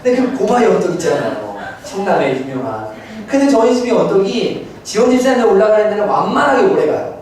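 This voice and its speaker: A man's voice: sits high, lively intonation, fast talker, few pauses, darkish tone. A male pastor delivers a sermon, moving from casual storytelling to impassioned preaching. His intonation swings widely, and his voice rings through a very reverberant church hall. The mic is set far back, with a faint room hiss underneath. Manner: conversational storytelling rising to fervent preaching. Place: church sanctuary.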